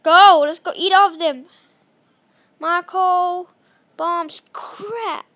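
A woman giving casual gameplay commentary, chatty and apologetic, breaking into excited shouts. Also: very high-pitched, drawn-out words. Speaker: gaming channel host.

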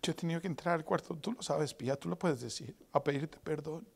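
A man in his forties preaching a sermon as pastor in a church, dramatic, going from loud outbursts to hushed whispers. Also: fairly high pitch, brisk, creaky, breathy edge. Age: 40s.

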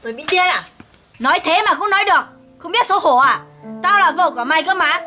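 A woman playing a sharp-tongued angry wife. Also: very high-pitched, lively intonation, fast, soft background music, heavily acted. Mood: scolding. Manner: scolding, blunt. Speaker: wife in a comedy sketch. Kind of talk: amateur comedy sketch acting.

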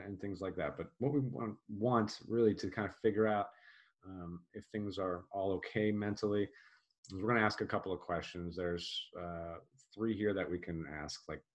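A man teaching an EMT course in a casual lecture style, with frequent "um" and "uh" fillers. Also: sits low. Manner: casual, many fillers, plain explanatory. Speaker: EMT instructor. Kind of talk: recorded classroom lecture.

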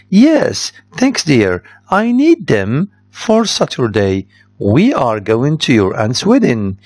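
A man's voice: medium pitch, a little mellow, no echo. A man, teaching English by reading out the answers of a test and explaining points in Darija. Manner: reads answers aloud, switches to Darija to explain. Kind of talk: test correction lesson.

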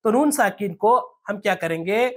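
A teacher giving a step-by-step lesson on reading the Quran. The teacher often asks rhetorical questions and spells out letter sounds slowly. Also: mid-range voice, expressive. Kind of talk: tajweed lesson.

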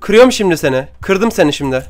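A young man chats over his own gameplay in a high, bright-sounding voice, firing off words at a quick clip. He keeps up a running patter, taunting opponents and breaking into excited outbursts. Keyboard and mouse clicks sit close to his desk microphone. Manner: chatty, trash-talking opponents, excitable outbursts. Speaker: gaming YouTuber. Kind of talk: casual gameplay commentary.

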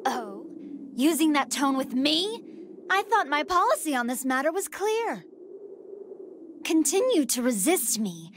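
A woman's voice: sits high, sing-song, measured pace, long pauses, noisy background. A woman playing a haughty, menacing android scientist in a video game, condescending and cold.

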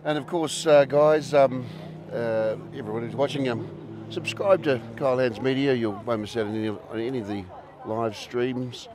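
A man's voice: mid-range voice, normal speed, hardly any pauses, darkish tone, a little hiss or hum. Male stream host, hesitant delivery, plenty of ums and uhs. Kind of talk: casual interview.

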